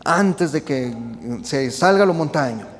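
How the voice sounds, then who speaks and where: A man's voice: a little high, lively intonation, slow pace, a little hiss or hum. A male preacher, talking in an emphatic sermon style full of rhetorical questions and fillers. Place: United States. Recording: long reverb hall sound.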